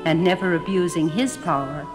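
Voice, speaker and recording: A woman narrating a fairy tale in a measured storytelling manner. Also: lowish voice, natural voice. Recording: echoey hall, music behind.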